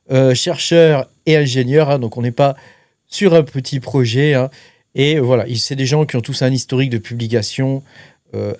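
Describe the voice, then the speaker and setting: A man's voice: fairly high pitch, a little mellow, dry recording, studio quality. A man hosting a crypto channel, talking casually to the viewer with lots of fillers and a tag question after almost every phrase. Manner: chatty, filler-heavy, keeps adding "hein". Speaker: crypto mining channel host. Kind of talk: casual explainer talking to camera.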